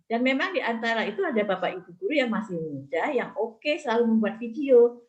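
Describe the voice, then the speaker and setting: A woman's voice: a little high, sing-song, brisk, a little mellow, dull audio. A woman teacher explaining the school's plans to students on a video call, with fillers. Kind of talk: online school forum reply.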